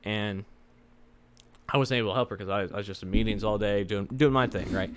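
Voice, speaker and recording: A man's voice: fairly low pitch, fairly quick, a little hiss or hum. A man giving casual, rambling advice as a developer vlog host, his words slightly slurred by the retainers in his mouth.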